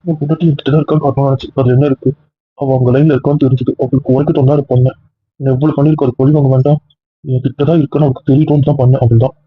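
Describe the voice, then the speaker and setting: A man playing a headstrong young husband in an amateur audio drama, insistent and protective, with a husky voice. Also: mid-range voice, rapid-fire, no echo, lightly acted. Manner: insistent, keeps ending points with a flat final word. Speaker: husband character. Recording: tinny phone-like dry recording.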